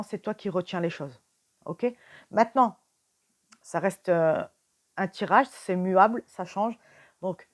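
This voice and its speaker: Low-voiced chatty French woman. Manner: chatty, talks straight to the viewer, many fillers; whispers questions to the cards. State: tired. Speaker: tarot reader. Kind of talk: casual card reading to camera.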